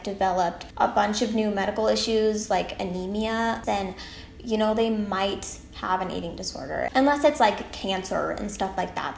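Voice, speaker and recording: A woman's voice: mid-range voice, creaky, a bit bright. Chatty teenage girl in an echoey room. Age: late teens. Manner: chatty, rambling, upbeat. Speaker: vlogger. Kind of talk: casual talk to camera. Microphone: camera mic. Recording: echoey room, faint background noise.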